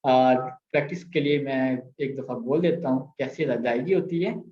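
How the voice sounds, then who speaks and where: A man's voice: mid-range voice, normal speed. A man with a Pakistani Urdu accent teaching a language lesson, patiently repeating sounds and mixing in English. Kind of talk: explaining grammar with screen examples. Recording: echoey, slightly dull sound.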